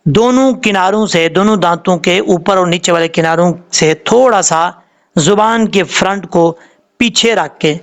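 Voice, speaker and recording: Patient man teaching Quran recitation. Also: sits high. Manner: patient, explains slowly and repeats sounds. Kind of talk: step-by-step recitation lesson.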